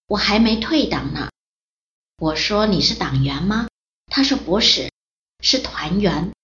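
A woman reads a first-person account aloud at a slow, unhurried pace, her lowish voice rising and falling widely. The recording sounds roomy and echoey, with a dull, lo-fi tone. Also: fairly bright tone. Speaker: reader of a personal testimony.

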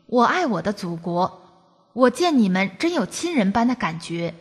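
A woman's voice: mid-range voice, very animated, moderate pace, slightly rough, big-room sound. A woman from China reading a first-person testimony aloud, in an earnest, preachy storytelling cadence.

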